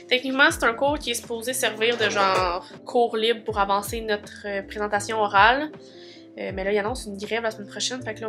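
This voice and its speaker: A vlogger in her twenties with a Québécois French accent chats casually in a diary-style video, her medium-pitched voice sounding pushed and bright. She's stuffy and congested from a cold, and her speech is packed with fillers like "fait que" and "tu sais."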